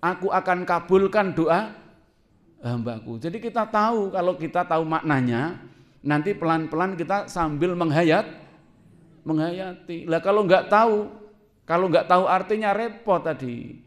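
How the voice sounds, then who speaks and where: A male preacher gives a conversational sermon. His voice sits a little high for a man, and he keeps throwing questions to the audience and laughing along with them. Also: normal speed. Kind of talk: sermon to a congregation.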